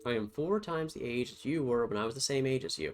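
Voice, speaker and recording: A man's voice: medium pitch, animated, fast talker, soft background music. A man giving casual let's-play commentary, playful and thinking aloud as he works through puzzles. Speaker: game streamer.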